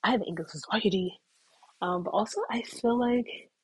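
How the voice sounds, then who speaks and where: A woman's voice: medium pitch, moderate pace, slightly rough, no echo, low-quality recording. A young woman telling a casual story to camera, chatty and full of "like", sometimes dropping into whispers. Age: young adult. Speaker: vlogger.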